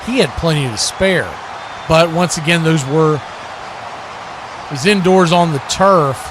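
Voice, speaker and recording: A high-voiced male announcer calls a live American football game play by play at a slightly slow pace. Clear background noise accompanies his commentary.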